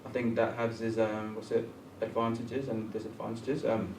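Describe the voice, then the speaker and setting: This man, a guest programmer born in England and partly brought up in Ghana, gropes for words with lots of ums and restarts during a conversational discussion. His lowish, monotone, slightly mellow voice moves at normal speed, caught on a distant mic in a roomy public talk venue with faint ambience and slight background noise.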